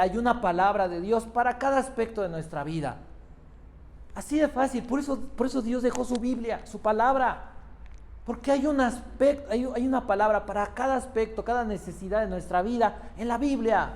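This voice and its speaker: Un hombre predica un sermón con énfasis, repite frases y le hace preguntas a la congregación. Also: male voice, sits high, moderate pace, a little mellow. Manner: emphatic, repeats phrases, quizzes the congregation. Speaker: preacher. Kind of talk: sermon.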